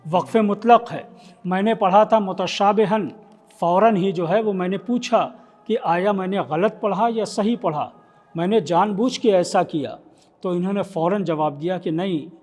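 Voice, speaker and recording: A man with an Indian Urdu accent, a maulana teaching Quran recitation rules. He explains, quizzes the listeners and breaks into slow melodic chanting. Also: high voice, a little mellow. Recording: long reverb in a hall.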